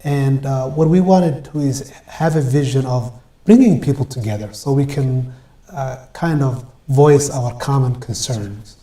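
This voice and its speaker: A man from Ethiopia, a guest in an interview, answering in a measured way with many pauses and fillers. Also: mid-range voice, mellow. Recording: roomy echo.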